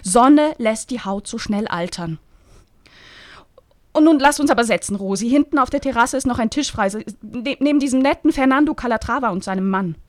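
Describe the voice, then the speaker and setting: A woman voicing an aging, haughty stage diva while reading aloud from a novel, in a sonorous, drawn-out theatrical manner. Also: fairly high pitch, expressive, no room sound, studio quality, close to an everyday voice. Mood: grand.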